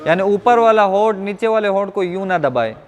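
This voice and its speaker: A man's voice: high-pitched, lively intonation, moderate pace, long reverb tail, crowd noise. A man teaching Quran recitation, demonstrating and correcting each sound patiently as a pronunciation lesson.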